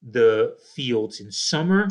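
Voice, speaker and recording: A male teacher lectures on poetry at a slow, measured pace, stopping often to ask "okay?" as he walks through examples. His voice sits at an ordinary middle pitch. He restarts phrases now and then with a soft "uh". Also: animated. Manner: slow, deliberate explaining with frequent "okay?" check-ins; restarts with filler "uh". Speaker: literature teacher.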